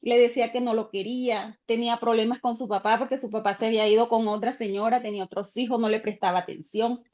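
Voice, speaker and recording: A woman teacher tells a story from her classroom in a bright, fairly high voice, jumping into the voices of the people she quotes. Her sound comes through dull and lo-fi, like audio from a video call. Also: fast talker, few pauses. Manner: animated, acts out quoted voices. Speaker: teacher sharing an experience in a class.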